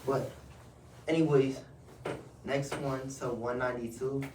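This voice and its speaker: A man's voice: medium pitch, steady tone, a little slow. A man leading a casual student book discussion, reading out quotes and asking questions. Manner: reads out quotes, then asks questions. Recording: echoey room, far from the mic, noisy.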